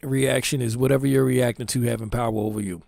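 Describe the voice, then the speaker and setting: With a steady tone and a fast delivery, a Philadelphia-born man talks casually to camera about his clothing line, his Philadelphia accent thick with street slang and endless "you know what I'm saying." His voice is mid-range, gravelly and darkish, and the studio sound is clean with no echo.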